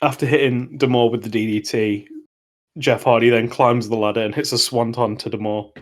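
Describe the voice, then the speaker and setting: A man co-hosting a podcast, recapping wrestling matches in a relaxed, casual chat. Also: medium pitch, normal speed. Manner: relaxed, lays out match events play by play. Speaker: podcast co-host.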